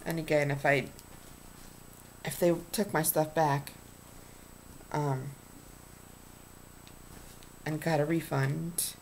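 Speaking slowly into a desk webcam, this thirtysomething vlogger shows her purchases in a small room, her low, steady voice broken by long pauses, ums and restarts. It's a casual, rambling home vlog. A little hiss or hum comes through, and the recording quality is poor.

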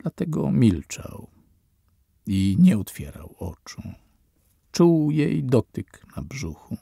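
A man reading a story as audiobook narrator, in slow, measured scripted narration whose lines fall away quietly at the end. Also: medium pitch, sing-song, vocal fry, husky, dry recording, clean studio sound.

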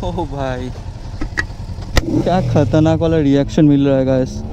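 A young man, chatting excitedly to his viewers while riding a motorcycle through city traffic. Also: mid-range voice, measured pace, lo-fi sound. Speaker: motovlogger. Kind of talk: casual running commentary while riding. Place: outdoors on busy city roads, riding a motorcycle. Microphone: action camera on the rider. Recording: loud road and engine noise.

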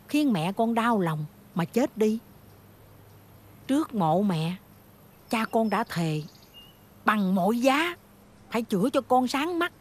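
An actress with a Southern Vietnamese accent playing a kindly, chatty middle-aged village aunt who tells stories animatedly. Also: female voice, mid-range voice, a little mellow. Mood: somber storytelling.

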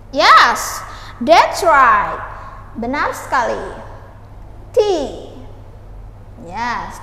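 A young woman teaching English pronunciation to beginners, patiently asking and answering her own questions and modeling words slowly. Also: sits high, sharp tone. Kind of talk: beginner language lesson. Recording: echoey room with long reverb, faint ambience.

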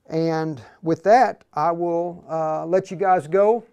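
A man's voice: fairly high pitch, fairly even intonation, slow, vocal fry, darkish tone, clear, resonant tone. A man hosting a live radio demo on a lapel mic, talking casually and using ham radio call-sign talk. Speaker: host and instructor.

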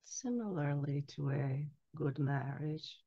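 An older woman channels a spiritual message as a seance medium. Her voice is dark, gravelly and solemn, moving in measured phrases with long pauses. The headset recording is dry and somewhat dull. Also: low voice, lively intonation, no echo. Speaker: trance channeler. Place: small candlelit room indoors. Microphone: headset boom mic.

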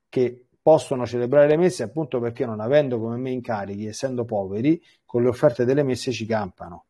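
Brief: male priest, warm dark husky tone, teaching scripture with animated readings and repeated restarts. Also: medium pitch. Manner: repeats words and restarts phrases. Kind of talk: biblical catechesis with scripture reading.

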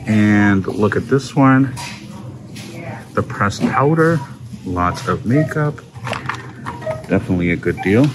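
This shopping vlog host talks slowly with many pauses, his low, expressive voice laid over music in a low-quality recording. He chats casually while reading product labels in a large discount store, filmed on a handheld phone with store ambience behind him.

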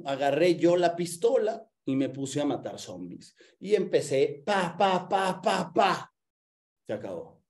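Animated man teaching a live masterclass. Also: on the high side. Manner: energetic, asks the chat questions, acts out stories with sound effects. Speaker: business coach hosting a live masterclass. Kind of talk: live online masterclass talk.

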